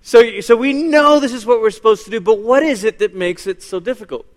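A man's voice: extremely high pitch, a little fast, in a large hall. A man in his thirties from Malaysia, giving a chatty church teaching as guest speaker and joking with the audience. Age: 30s.

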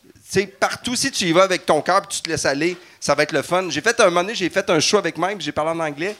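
A man with a Quebec French accent, a comedian guest on a live podcast, playful and quick to laugh. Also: high-pitched. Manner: playful, laughs easily, bursts into loud joking. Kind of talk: casual live podcast chat. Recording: noisy live venue recording.

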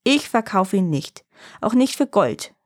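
A woman's voice: mid-range voice, normal speed, lightly acted. Woman reading as a crafty old granddad, sweet-talking and playing hurt, storybook reading. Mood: sly. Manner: wheedling and flattering, then mock-offended. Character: sly poor old grandfather, feigning offense.

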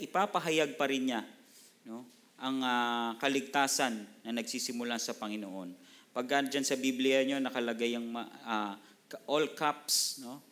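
A middle-aged Filipino pastor teaching from the Bible in a relaxed, conversational sermon. He speaks in an ordinary mid-range male voice, often pausing to check in with the congregation and mixing English phrases into his speech. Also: mid-range voice.

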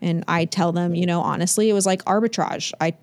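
A middle-aged woman, a business author, explaining her methods as a podcast guest in a confident, brisk, practical way. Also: fairly low pitch, steady tone, darkish tone. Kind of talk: casual interview talk.

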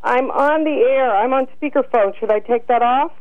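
A woman calling in on a speakerphone over a phone line, explaining earnestly and pausing on fillers. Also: high voice, no echo. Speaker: caller, director of a nurses' group. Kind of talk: radio call-in.

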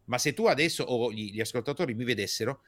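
A man's voice: mid-range voice, fast talker, dry recording. Emphatic man explaining on a podcast. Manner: emphatic, animated delivery with repeated key words and rhetorical questions; gestures while speaking, energetic. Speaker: communication coach, podcast guest.

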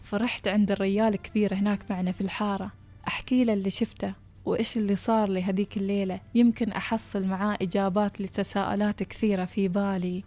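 A woman narrating a story, acting out the people in it with lively shifts of voice. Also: mid-range voice, quick pace. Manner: animated, acts out villagers' voices.

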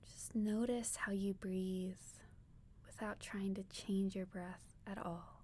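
Woman, guided meditation, sleep story narrator delivery, soft breathy near-whisper, dark mellow tone, soothing, faint ambient noise. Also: mid-range voice, little pitch movement. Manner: soothing, gentle, long pauses.

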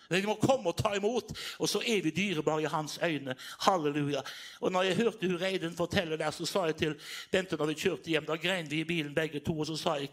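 A man preaching a sermon in a meeting hall, telling stories and rising into fervent exclamations. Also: on the high side. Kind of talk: sermon storytelling.

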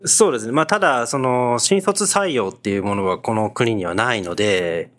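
A man being interviewed as a guest about his work in HR, answering politely and explaining things in a measured way. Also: medium pitch, a bit bright. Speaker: HR manager, guest.

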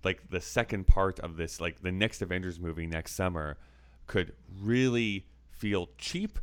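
A man with a very low, smooth and resonant voice, chatting casually about a movie. He talks earnestly and works through his thoughts, peppering them with "like." The tone stays conversational throughout. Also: a little slow. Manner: earnest, analytical, with many "like" fillers. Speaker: podcast co-host.

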